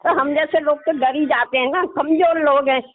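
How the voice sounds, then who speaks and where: A middle-aged woman, a religious devotee, calls in for a casual phone conversation, complaining as she chats and tagging her phrases with little questions. Her voice sits high, with a steady tone at normal speed. The phone line sounds tinny and narrow.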